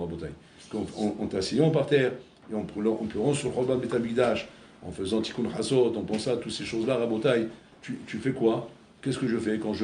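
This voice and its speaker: A man's voice: mid-range voice, warm tone, roomy sound, a little hiss or hum. A man giving a sermon as a rabbi, telling stories and often repeating words as he searches for the next one. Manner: storytelling, repeats words while searching, keeps addressing listeners.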